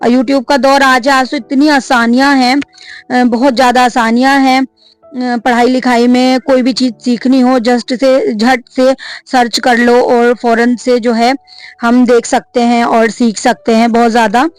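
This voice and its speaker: A woman's voice: on the high side, little pitch movement, unhurried, no room sound, faint music behind. A woman in her thirties, a vlogger and mother, chatting casually to camera, many fillers, and a complaining tone.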